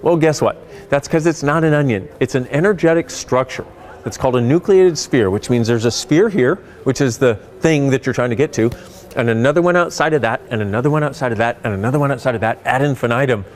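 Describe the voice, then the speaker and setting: A man teaching a self-help technique with animated, playful storytelling. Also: fast talker. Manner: animated, playful storytelling with sudden rises in pitch. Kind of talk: spoken explanation to camera.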